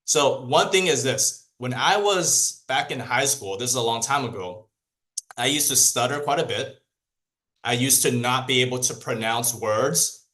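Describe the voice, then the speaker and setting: A Cantonese-speaking sales trainer addresses a group in a lively session, his medium-pitched voice unhurried. He puts questions to the trainees and repeats the essentials. The audio quality is poor.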